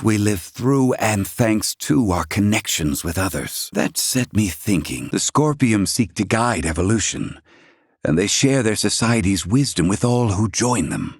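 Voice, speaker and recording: A man with a lowish voice plays an erudite, haughty yet curious scholar in a video game. He speaks formally and eloquently with archaic wording, recorded cleanly in a studio with no room sound.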